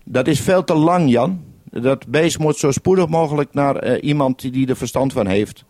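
Giving methodical directions across a two-way radio link, a male radio programme maker on the mainland ends every turn with a procedure word. It's a 1971 broadcast recording of a medium-pitched, darkish voice moving at a moderate pace.

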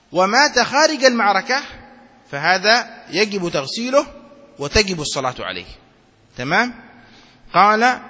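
Sheikh teaching a class: bright, slightly husky man's voice, reads then explains, reverb from a hall. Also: sits high. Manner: reads text aloud then explains, checks students often. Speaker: sheikh teaching Islamic law. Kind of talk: classroom lecture on a fiqh text.

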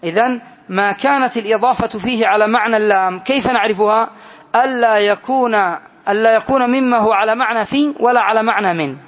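A man teaching a grammar lesson to students, explaining slowly and deliberately and often putting questions to the class. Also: high-pitched, highs cut off.

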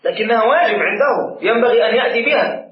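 A high-pitched man, teaching a class as a sheikh and talking quickly. He explains points and demonstrates how letters are pronounced. The recording is dull and lo-fi, in an echoey room. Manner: animated teacher, demonstrates pronunciation slowly, answers questions. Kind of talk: religious lesson to a live class.

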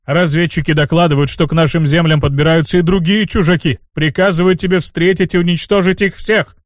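A man's voice: on the high side, steady tone, a little fast, no room sound, studio quality, close to an everyday voice. A man voicing a wily, fawning troll chieftain who speaks in a reverent, ceremonious way.

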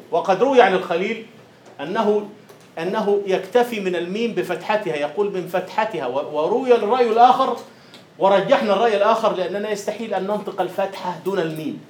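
A man, a university lecturer teaching poetic meter, quizzing students and chanting rhythm syllables. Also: sits high. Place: classroom. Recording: roomy classroom echo.

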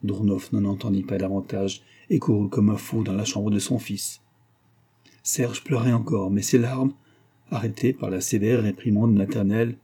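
A man reads a novel aloud in measured, literary narration. His voice is very dark and low, with a husky grain. It suits a classic audiobook. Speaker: audiobook reader. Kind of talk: scripted narration.

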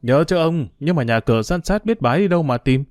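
A man's voice: fairly high pitch, expressive, fast talker, a little mellow, no room sound, studio quality, natural voice. A man doing a fretful old boatman. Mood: worried. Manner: deferential, fretful exclamations. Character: humble older male ferry boatman, anxious.

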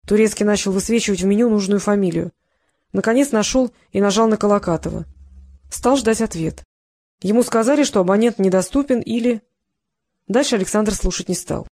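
A woman narrates an audiobook in a calm, measured way at a middle pitch. The sound is dry and close, with no room around it. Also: no room sound. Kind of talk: scripted narration.

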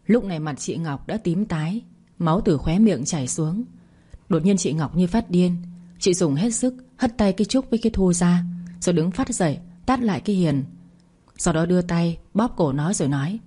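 Low, husky woman storyteller. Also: warm tone. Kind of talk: bedtime audio story narration.

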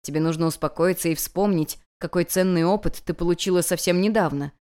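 A woman voicing an ancient male god, a weary and restrained teacher speaking softly and evenly. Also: lowish voice, clean tone, close to an everyday voice. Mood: weary calm. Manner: soft, even and measured.

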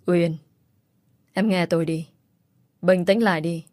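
An anxious husband coaxing and urging calm, as a woman reads him out in a storybook, in a low, mellow and dry close voice. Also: a little slow, no room sound, close to an everyday voice. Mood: urgent. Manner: urgent, coaxing.

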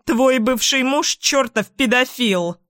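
A woman voicing a furious middle-aged mother in an audiobook, shouting scornful accusations. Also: medium pitch, lively intonation, takes it slowly, dry recording, clean studio sound. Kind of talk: audiobook character voice.

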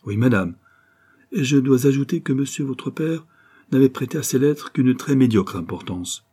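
A man playing a grave, gentle private secretary, speaking in a hesitant, respectful, sorrowful way in an audiobook reading. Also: medium pitch, lively intonation, moderate pace, breathy edge, pitched above the performer's own voice.

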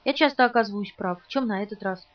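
A woman reading an audiobook, voicing a calm, mocking teenage boy in a teasing, unhurried way. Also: medium pitch, natural voice. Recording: distant, muffled, soft music.

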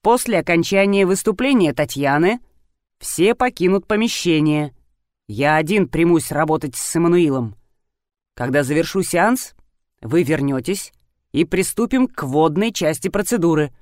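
A woman voicing a pompous male animal psychologist who gives grand, rapid instructions in a lowered voice. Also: lively intonation, a little mellow, dry recording, studio quality.

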